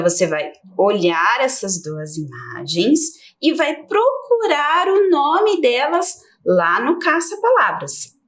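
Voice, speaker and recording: A middle-aged Brazilian woman teaching young children in a TV lesson, stretching key words slowly and clearly. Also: high voice. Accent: Brazilian Portuguese.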